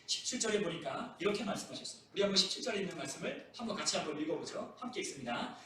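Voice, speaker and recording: A man's voice: fairly high pitch, expressive, racing, a bit bright, a little hiss or hum. A male pastor delivering a Sunday sermon, acting out quoted lines with dramatic emphasis. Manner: preaching with dramatic voiced quotes. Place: church sanctuary. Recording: echoey church hall from far off.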